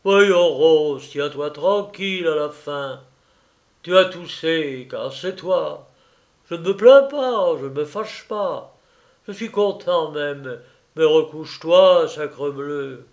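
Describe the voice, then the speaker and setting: Man playing an impatient mocking husband, blunt, loud, unhurried. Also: on the high side. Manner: blunt, loud short retorts.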